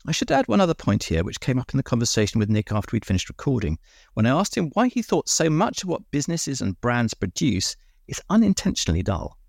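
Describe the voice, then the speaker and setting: Low gravelly guy hosting a podcast, lively sing-song delivery, dry studio sound. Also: dry recording. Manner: measured, reflective, rhetorical asides. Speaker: podcast host. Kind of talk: scripted summary narration.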